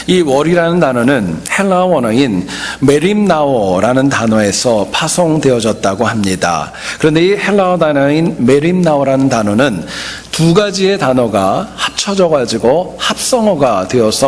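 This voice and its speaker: Male pastor, lively intonation, teacherly sermon, long reverb in a church hall. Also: medium pitch.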